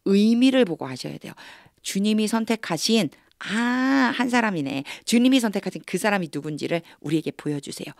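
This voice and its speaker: A woman with a Korean accent teaching English through Bible verses, reading each English phrase slowly and then explaining it quickly, asking questions and answering them herself. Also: mid-range voice, expressive, gravelly, no echo, studio quality. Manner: explains patiently, asks and answers her own questions.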